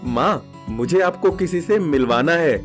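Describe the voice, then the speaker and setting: Man playing a young husband, fairly high voice, earnest, soft music behind. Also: lively intonation, a little slow. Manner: earnest, gently reassuring. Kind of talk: animated story dubbing. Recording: background music under the voice.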